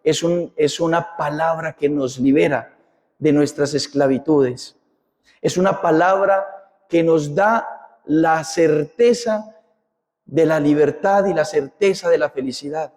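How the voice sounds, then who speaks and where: A man's voice: a little high, slow pace, darkish tone. A man preaching a sermon as a parish priest, impassioned and repetitive, with rhetorical questions. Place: church. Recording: long church reverb.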